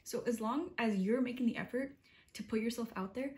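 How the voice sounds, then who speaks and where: A woman's voice: a little high, a little fast, a little mellow. Chatty young woman rambling in a vlog. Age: 20s. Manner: rambling, heavy use of "like", self-deprecating asides. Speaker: college student vlogger. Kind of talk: casual talking-to-camera vlog.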